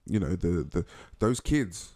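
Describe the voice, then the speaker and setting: English male co-host, low-pitched, wry hesitant delivery, dry close sound. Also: expressive, a little slow, warm tone, no echo. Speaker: podcast co-host. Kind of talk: casual uncensored chat.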